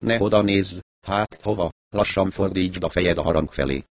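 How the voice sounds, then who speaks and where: A man reading as a tense, frightened woman. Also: low-pitched. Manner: hushed, through gritted teeth at times.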